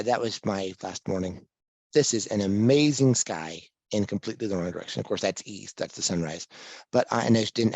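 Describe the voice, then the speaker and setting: A man from Kansas giving a relaxed slide talk to a live audience on a microphone that pops, thinking aloud with small restarts. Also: on the low side, no room sound. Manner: easygoing and self-deprecating, thinking aloud with restarts. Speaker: guest presenter at a photography talk. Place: library meeting room. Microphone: handheld or stand microphone with popping plosives.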